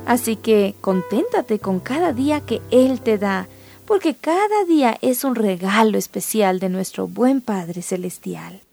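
A woman hosting a children's radio program, reading a story aloud and leading a Bible memory verse in a lively, teacherly way. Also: mid-range voice, unhurried, creaky, music in the background.

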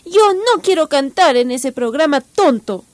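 A woman voicing a young girl in a storybook reading, high-pitched and complaining. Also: big pitch swings, normal speed, darkish tone, no echo. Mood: protesting. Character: young girl, fretful then good-humored.

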